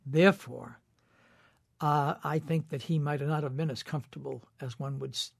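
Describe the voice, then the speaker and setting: A man's voice: a little high, steady tone, moderate pace, gravelly, husky, no room sound, clean studio sound. A man appearing as a psychologist guest on a radio panel, explaining his points analytically, step by step. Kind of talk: expert radio commentary.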